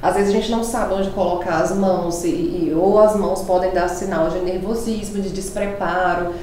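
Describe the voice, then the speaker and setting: A Brazilian woman hosting a podcast, asking her guests calm, measured questions. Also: fairly low pitch, slight background noise. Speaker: podcast host. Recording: very echoey studio.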